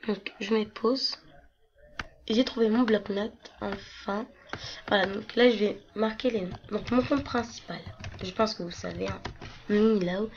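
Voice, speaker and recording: A young woman with a hoarse voice, chatting casually and rambling with many fillers as she walks through her game accounts on a screen recording. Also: mid-range voice, fairly even intonation, a little slow. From France. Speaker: gaming vlogger. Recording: lo-fi computer mic with faint noise.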